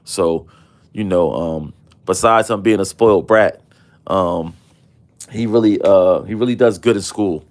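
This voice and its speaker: A man with a fairly low voice talks in an unhurried, drawling way, full of fillers. He hosts a casual livestream and speaks. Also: a little mellow. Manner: laid-back, drawling, many fillers. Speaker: host.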